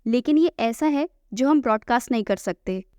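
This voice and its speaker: A woman's voice: a little high, expressive, moderate pace, a little mellow, clear, resonant tone, no echo, close to an everyday voice. A woman voicing a teasing, persistent young male lover, read plainly in her own voice. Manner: quoted plainly in the narrator's own voice. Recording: dull lo-fi, dry.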